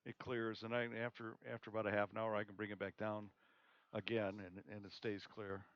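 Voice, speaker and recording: A man hosting a live observatory stream, chatting casually and haltingly with fillers and restarts. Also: fairly low pitch, little pitch movement, no room sound. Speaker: observatory host. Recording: dull lo-fi stream audio.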